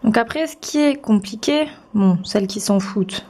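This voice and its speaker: With lively intonation and a moderate pace, a young woman sniffles through a beauty tutorial at home because of a cold, chatting casually and bubbly with plenty of fillers. Her voice is medium in pitch and a little mellow. The room sounds echoey with faint noise.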